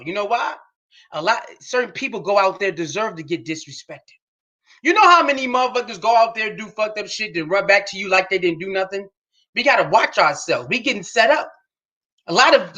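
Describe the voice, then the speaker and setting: A high-pitched man hosts a reaction show, commenting on a podcast clip with indignant rhetorical questions and sudden bursts of shouting.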